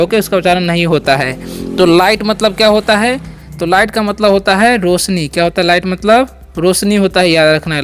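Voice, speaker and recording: A young man with a high, clear and smooth voice leads an English pronunciation lesson. He repeats each word and asks the listener questions along the way. Soft music plays in the background. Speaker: English teacher. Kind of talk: spoken language lesson.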